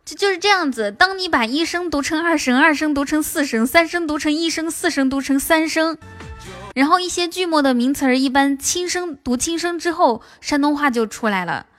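A woman's voice: sits high, a little fast, a bit bright. A woman hosting a casual livestream, chatting with viewers in a playful, coaxing way. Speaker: livestream host. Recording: music playing behind the voice.

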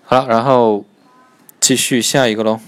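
A man giving a Korean pronunciation lesson in a mid-range voice. He talks through the explanations at a brisk pace, then slows down to sound each syllable out clearly, two or three times over. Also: medium pitch, steady tone. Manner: slow drawn-out model sounds between quick explanations. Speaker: Korean language teacher.

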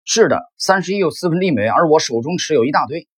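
A man reading aloud and voicing an angry male stock trader who shouts accusations. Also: a little high, expressive, fast talker, breathy edge, pitched above the performer's own voice. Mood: furious.

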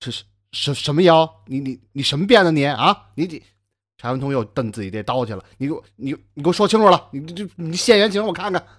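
Give me a man playing a blustering scholar, stammering and pushy, with a lively, swooping voice. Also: medium pitch, a little fast. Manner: stammering, loud and demanding. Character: blustering, jumpy male scholar Chai Wentong.

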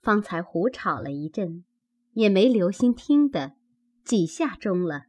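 Woman voicing a soft-spoken gentle young maid. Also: medium pitch, sing-song, a little slow, husky, dry recording.

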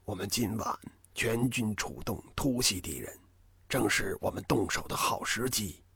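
A male narrator voicing an old, stern martial-arts master who speaks in a hushed, low whisper. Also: normal speed, creaky, husky, no room sound, clean studio sound, full character voice. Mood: hushed urgent.

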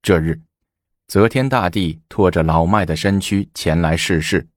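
A man narrating a historical story in an expressive storytelling manner. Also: sits low, measured pace, no room sound, clean studio sound.

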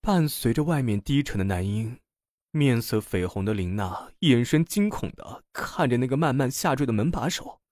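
A man reading a story aloud in an expressive, dramatic manner. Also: medium pitch, moderate pace, no room sound, clean studio sound. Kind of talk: scripted story narration.

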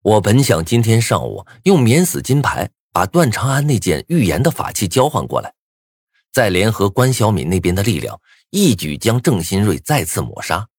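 A man's voice: lowish voice, sing-song, moderate pace, a little mellow, slightly rough, no echo, studio quality. A man narrating a suspenseful first-person story in a tense storytelling voice.

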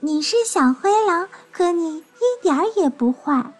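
A woman voicing a small, gentle baby bird in a children's storybook, speaking softly. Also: very high-pitched, animated, a little slow, soft background music, voice pushed up. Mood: wondering.

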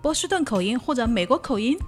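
Chatty lady hosting a podcast, kinda high voice, music playing behind her. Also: big pitch swings, fast talker. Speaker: podcast host.

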